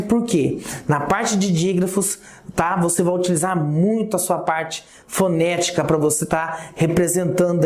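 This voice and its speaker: Woman teacher, Brazilian accent, informal and checking in with students; slow delivery, echoey recording. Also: fairly low pitch, darkish tone. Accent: Brazilian Portuguese. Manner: addresses students informally, checks understanding with repeated "tá?" and "ok?". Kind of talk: recorded class lesson. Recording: echoey classroom sound.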